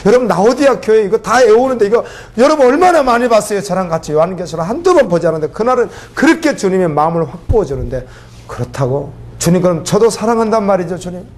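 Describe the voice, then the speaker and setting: A man's voice: high-pitched, lively intonation, quick pace. A man preaching a sermon as a pastor, emotional and pleading, his voice rising into fervent cries.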